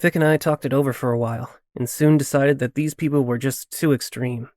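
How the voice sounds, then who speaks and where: A man narrating a fantasy audiobook in the first person, steady and even in his storytelling. His voice sits at a middling pitch, recorded dry and close with no room sound. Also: brisk, no room sound.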